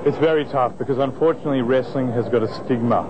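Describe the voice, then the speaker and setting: A man's voice: mid-range voice, fast, noisy background. An Australian man, a promoter, giving earnest answers in a television interview. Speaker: wrestling promoter. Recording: dull TV interview under loud music. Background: loud music.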